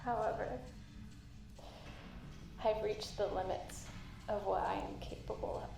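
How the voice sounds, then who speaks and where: Slow, stern motherly matriarch over intercom. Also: mid-range voice, fairly even intonation, creaky. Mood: tender, sorrowful. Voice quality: warm, tender. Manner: stern, motherly, solemn, formal. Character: ailing motherly mushroom matriarch, tender but commanding. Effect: crackling intercom speaker static. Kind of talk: dramatic video game voice acting. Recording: echoing, staticky intercom sound.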